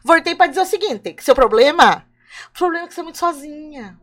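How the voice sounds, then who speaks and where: A woman telling a folk tale plays a luckless wandering man who talks fast and eagerly, always ready to complain. His voice sits high and lively. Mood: excited. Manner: eager, talkative, quick and complaining. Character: weary luckless male traveler, excitable and complaining. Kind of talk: oral storytelling.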